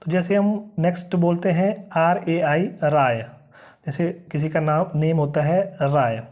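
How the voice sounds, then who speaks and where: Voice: mid-range voice, darkish tone. An English teacher giving a beginner lesson, spelling each word letter by letter and then pronouncing it in a patient, repetitive way. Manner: spells words letter by letter, then says them slowly.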